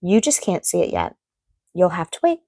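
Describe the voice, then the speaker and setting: A woman's voice: lowish voice, huge pitch swings, moderate pace, dark tone, no echo, studio quality, heavily acted. A woman voicing a patient, encouraging male owl teacher in a storytime read-aloud.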